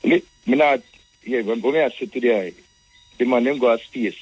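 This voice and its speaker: A Jamaican man calling a radio show, arguing conversationally in Rasta speech with a husky voice, repeating phrases as he builds his point. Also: medium pitch, normal speed, darkish tone, low-quality recording. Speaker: radio caller.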